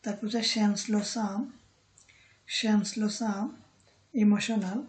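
A woman teaching a vocabulary lesson, repeating each word and pausing often with a filler word. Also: mid-range voice, level tone, a little hiss or hum, low-quality recording. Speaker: language teacher.

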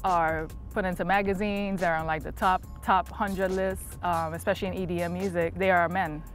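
A woman's voice: lowish voice, steady tone, moderate pace, soft background music. A woman, a DJ speaking in an easygoing documentary interview outdoors in a park, often saying "you know" and "um". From Trinidad.

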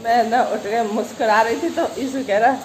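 Middle-aged woman vlogger, slightly high voice, chatty with easy laughs, filmed on a handheld phone with room echo and audible background noise. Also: fairly even intonation, moderate pace, a little mellow. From Uttar Pradesh, India. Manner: chatty, laughs often, talks to family and pet. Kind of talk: casual daily vlog. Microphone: handheld phone camera.

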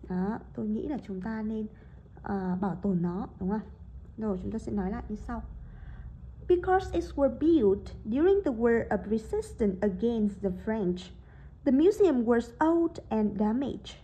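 Woman teacher, high and soft-toned; patient step-by-step explainer who drills sentences slowly with overdone intonation. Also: expressive, poor audio. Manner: explains step by step and keeps checking with rhetorical questions; reads example sentences slowly with exaggerated rising and falling intonation. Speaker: English teacher. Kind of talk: explaining a lesson.

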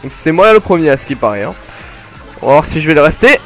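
A young man casually commenting his kart race, joking and rambling with sudden excited outbursts. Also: a little high, quick pace, faint music behind. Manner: jokey, rambling, self-mocking, bursts of excited yelling. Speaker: gaming commentator. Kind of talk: casual let's play commentary.

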